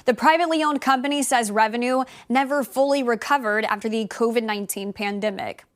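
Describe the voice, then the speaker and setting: A woman's voice: fairly high pitch, brisk. A woman presenting news headlines as scripted narration.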